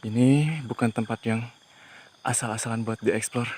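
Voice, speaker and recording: Guy doing a night ghost hunt outside, tense and hushed, talking to the camera mic. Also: medium pitch, moderate pace. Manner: tense, hushed, talks to viewers as he explores. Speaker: paranormal investigator host. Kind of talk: ghost-hunting vlog narration.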